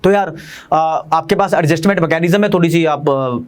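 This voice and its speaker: A man with an Indian accent teaching commerce in a fast, chatty online lecture, talking straight to his students. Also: a little high.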